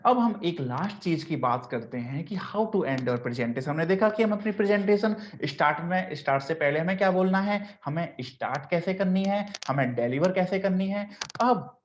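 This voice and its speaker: A man's voice: high-pitched, expressive, moderate pace, hardly any pauses. Man teaching public speaking, lo-fi. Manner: mixes Hindi and English, repeats key points. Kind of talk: online masterclass lecture. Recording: dull lo-fi recording with faint noise.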